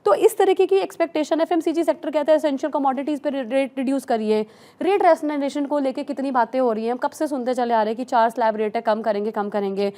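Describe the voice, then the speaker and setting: A woman speaking as a tax expert on a news panel, explaining in a steady, explanatory way and mixing English terms into her talk. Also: sits high, quick pace.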